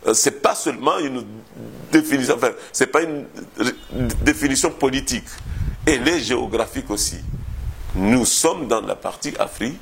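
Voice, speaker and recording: A man from the Comoros, a historian answering interview questions in a measured, thoughtful way, often hesitating and repeating words as he thinks. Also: mid-range voice, creaky, a bit bright, slight background noise. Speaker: historian interviewed about his thesis.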